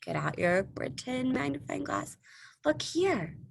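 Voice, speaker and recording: A woman's voice: sits high, sing-song, a little slow, vocal fry, husky. A woman teaching young children a math lesson in an exaggerated, sing-song, encouraging kindergarten-teacher voice, posing questions and answering them herself. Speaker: elementary school teacher.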